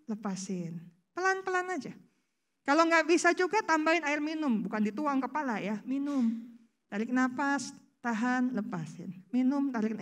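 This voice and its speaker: Woman preacher, high voice; casual sermon, rhetorical questions answered on the spot. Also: a bit bright. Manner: chatty, asks rhetorical questions and answers them.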